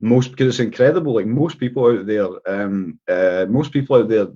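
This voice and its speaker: A Scottish man with a fairly low, dark-toned voice talks fairly quickly as a guest in a casual interview. He rambles, restarting often and using lots of fillers. The recording has a dull, lo-fi sound.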